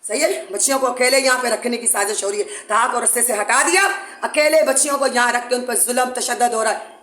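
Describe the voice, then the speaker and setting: Woman, high voice, urgent accusing appeal, echoey room at home. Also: fast, a bit bright. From Pakistan. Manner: urgent, accusing, repetitive pleading. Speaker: mother making a public appeal. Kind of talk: impassioned complaint to camera. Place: her home, indoors.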